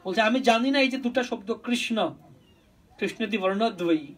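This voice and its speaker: A man's voice: high-pitched, lively intonation, moderate pace, fairly bright tone, recorded from a distance, low-quality recording. A man giving a devotional sermon, explaining with homely examples and chanting verses. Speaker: preacher.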